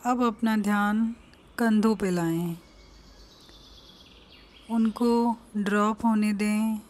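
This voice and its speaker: Speaking in a mid-range voice with an Indian accent, a woman leads a meditation session. Long pauses fall between her calm, gentle guidance.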